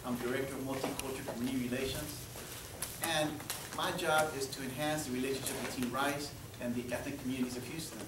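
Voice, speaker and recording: A man's voice: medium pitch, steady tone, quick pace. A man in his fifties from Texas, hosting and introducing a presentation to an audience in a friendly, joking way, sometimes repeating words. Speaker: event host and presenter. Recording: echoey hall from far off, with noise.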